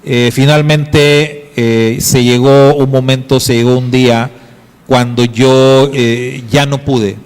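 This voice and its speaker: A man's voice: medium pitch, fairly even intonation, takes it slowly, few pauses, darkish tone, clean tone, big-room sound. A middle-aged man preaching a sermon as pastor, telling a story earnestly and emphatically with frequent hesitations. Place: congregation hall.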